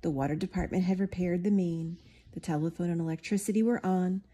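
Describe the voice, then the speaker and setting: A woman reads a children's picture book aloud. Her voice is warm and a little husky, sitting slightly low. She tells the story steadily and lifts into bright, excited voices for the characters. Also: brisk. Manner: expressive, lively character voices. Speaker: storybook reader.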